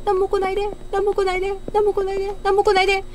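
Kagoshima accent girl streamer chatting thru a horror game, repeats words nervously, really high voice, noisy audio. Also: completely flat delivery, rapid-fire. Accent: Kagoshima, Japan. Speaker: streamer, video game player. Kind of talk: casual horror game live-stream commentary.

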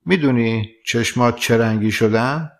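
A man's voice: mid-range voice, lightly acted. A man voicing an earnest young foreign man who is jealous and tender, speaking plaintively in an audiobook.

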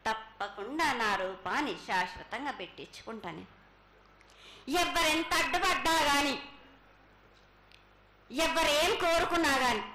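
A woman's voice: on the high side, pushed and bright. A woman speaking as an oracle in a prophetic trance voice, commanding, in short repeated phrases. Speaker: oracle at a temple festival. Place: crowded temple hall. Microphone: handheld microphones held close to her mouth. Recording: echoey live PA with some noise.

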